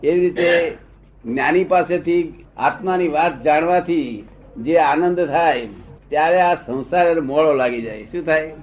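A man's voice: a little high, measured pace. A man giving a spiritual discourse, often stopping to ask his listeners whether they have understood. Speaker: spiritual teacher. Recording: dull lo-fi old recording with faint hiss.

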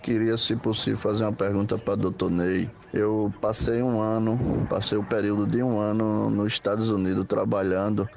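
Low gravelly man calling a radio show. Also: level tone, moderate pace, hardly any pauses, darkish tone. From Brazil. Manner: polite and direct. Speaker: caller. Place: phone call.

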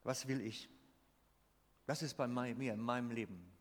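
A man delivers a sermon in an emphatic way, often putting questions to his congregation. His voice sits at a middle pitch and carries a long reverb from the church hall. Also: normal speed. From Switzerland. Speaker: preacher.

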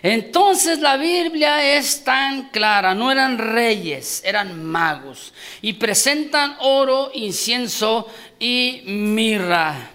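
A man's voice: very high-pitched, lively intonation, very slow, sharp tone. A man preaching a sermon, emphatic, calling out questions to the congregation. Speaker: guest preacher.

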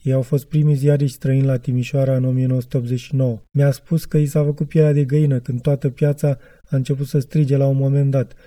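A gruff middle-aged tavern owner, drunk and brooding, spinning bleak philosophical tales in an audiobook, voiced plainly by a male reader. The voice is very dark and mellow. It sits close and dry, with no room sound. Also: medium pitch, little pitch movement, dry recording, natural voice. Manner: slurred, philosophical storytelling.

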